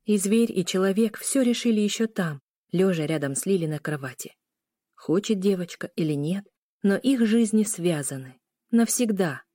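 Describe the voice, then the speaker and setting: A woman narrating a romance audiobook in an even, measured read. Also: medium pitch, no room sound, clean studio sound.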